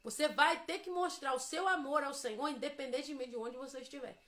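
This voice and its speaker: A Brazilian woman with a high-pitched voice shares a devotional testimony. She tells her story emphatically and acts out each quoted line as she goes. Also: a little fast, a bit bright.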